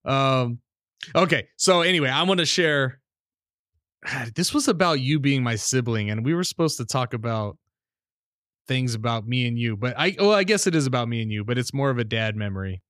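A man's voice: medium pitch, moderate pace, no room sound, studio quality. A man hosting a podcast, telling childhood family stories in a casual chat and acting out the voices of the people he quotes. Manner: animated storyteller, acts out quoted voices. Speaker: podcast host.

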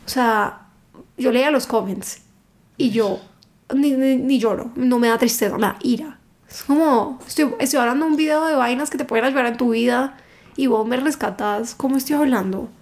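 A woman, a book content creator telling stories in a casual interview, emphatic and animated. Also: high voice, normal speed. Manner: animated, emphatic storytelling with reported dialogue.

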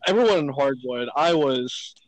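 A man's voice: mid-range voice, expressive, moderate pace, no room sound, low-quality recording. A young man talking casually and a little ramblingly, with many fillers, as a podcast co-host. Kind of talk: casual chat.

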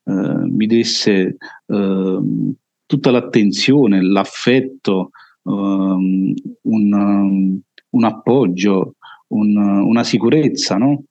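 A man with a Neapolitan accent shares a personal testimony in a deep, full voice. The tone is dark and relaxed, and the delivery is halting. The sound is close and dry, a little dull. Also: dry recording. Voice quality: heavy, full voice. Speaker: interview guest.

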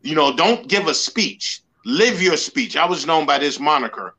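A man from the Bronx in his sixties talks with a fairly high, expressive, bright voice, forceful in tone, at normal speed. As an interview guest and motivational life coach, he tells his story earnestly, hammering home repeated slogans.

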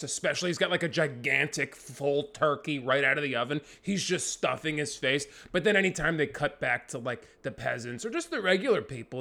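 A man's voice: medium pitch, gravelly, sharp tone. A man hosting a podcast alone, rambling through a profane comedic rant. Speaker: podcast host.

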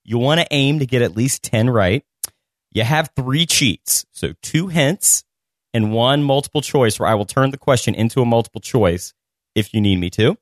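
An upbeat, joking quiz host reads out trivia questions. The voice sits at a middle pitch in a dry, close sound. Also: lively intonation, moderate pace, no room sound. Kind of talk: casual hosting, reading quiz questions.

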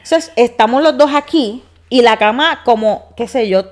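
A woman's voice: on the high side, normal speed. A young woman with a Puerto Rican accent co-hosting a casual chat, teasing her partner and laughing often. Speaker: podcast co-host.

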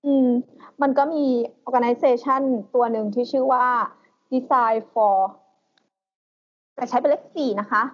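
A woman co-hosting a podcast in loose, slangy casual chat, halting often with fillers. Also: fairly high pitch, fairly even intonation, muffled recording. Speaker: podcast co-host.

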